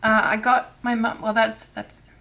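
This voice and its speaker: A woman with a somewhat high voice that barely moves in pitch hosts a casual cross-stitch vlog. Throat irritation makes her sound rough and raspy, and she talks softly, hesitating and restarting a lot.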